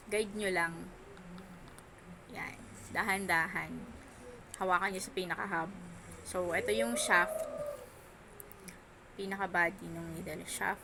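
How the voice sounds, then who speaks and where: A woman with missing front teeth gives an informal hands-on lesson as a medical instructor, in short, halting, repeated phrases. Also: medium pitch. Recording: noisy room, noise from outside. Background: background noise, child outside.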